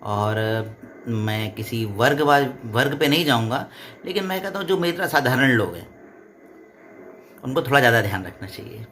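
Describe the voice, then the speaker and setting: Man, mid-pitched, earnest and rambling, casual home vlog chat, faint noise. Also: lively intonation, normal speed, a bit bright. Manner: rambling, earnest, explains at length with restarts. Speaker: vlogger, co-host. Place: living room at home.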